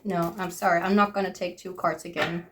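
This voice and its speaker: A woman's voice: on the low side, fairly even intonation, brisk, noisy background. A young woman in her twenties doing a casual tarot reading, chatting aloud to her cards and to spirit. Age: 20s. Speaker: tarot reader.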